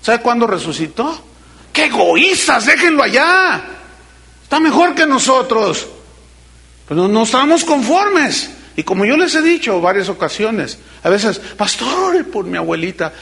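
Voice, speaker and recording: A middle-aged pastor delivers a sermon in a high-pitched voice. He preaches with animation, slipping into the voices of the people he quotes. Now and then he drops to a sudden hush. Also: very animated, normal speed.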